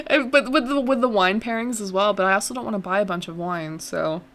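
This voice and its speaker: A young woman hosts a casual podcast chat, rambling through food opinions with an easy, self-deprecating humor. Her voice sits at an ordinary middle pitch and she laughs at her own slips. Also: normal speed, fairly bright tone. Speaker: podcast host.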